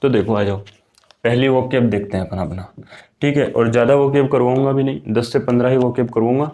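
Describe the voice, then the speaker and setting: A young man teaches an exam-prep vocabulary lesson in a steady, warm, medium-pitched voice, fairly quick. He's chatty and casual, often calling students brother and repeating "my brother" and "okay."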